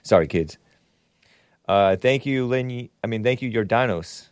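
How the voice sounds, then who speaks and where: A man's voice: medium pitch, measured pace, dry recording. Casual male live streamer, dry close sound. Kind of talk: casual live stream monologue, reading and answering viewer messages.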